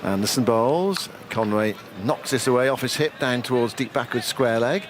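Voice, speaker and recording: A man with a mid-pitched voice calls live cricket for radio, switching between describing play and casual chat. Clear outdoor ambience from the ground sits behind him. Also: moderate pace, noisy background. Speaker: cricket commentator. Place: commentary box at a cricket ground.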